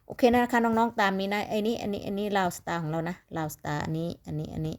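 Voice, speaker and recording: Fast and medium-pitched, this woman speaks with the Isan accent of northeastern Thailand. She offers lottery number tips while chatting sleepily and ramblingly, referring to her viewers as "little siblings."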